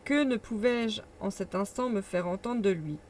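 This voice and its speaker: A woman narrating a classic novel as an audiobook, reading in a measured, expressive way. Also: medium pitch, a little hiss or hum. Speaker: audiobook reader.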